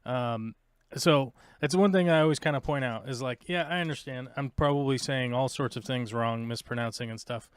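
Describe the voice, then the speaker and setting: With a clean tone at medium pitch and normal speed, this live show host from the United States chats loosely, joking around and leaning heavily on fillers. There is no echo in the recording.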